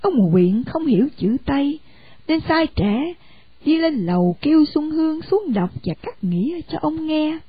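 A woman reading a story aloud in an expressive, animated way. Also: sits high, measured pace, no echo. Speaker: narrator. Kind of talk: scripted storybook narration. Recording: dull lo-fi, dry sound.

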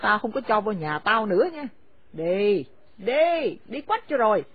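A woman's voice: medium pitch, very animated, a little slow, slightly rough, no room sound. A woman voicing a furious, domineering elderly mother-in-law who screams scornful insults. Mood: furious scolding. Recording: dry, phone-like narrow sound.

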